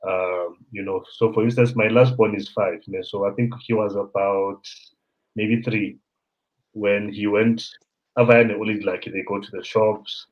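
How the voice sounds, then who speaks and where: A South African man in his thirties hosting a casual conversation, an animated storyteller who mixes in local words. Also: on the low side, a little slow. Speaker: host. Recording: dull lo-fi sound.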